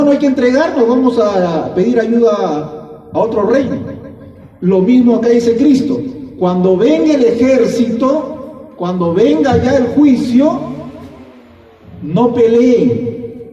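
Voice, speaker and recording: A man's voice: very high voice, warm tone. A man preaching a sermon, emphatic and repetitive, calling his listeners brother. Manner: emphatic, repeats phrases, addresses listeners as brother. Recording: echoey hall, distant dull mic.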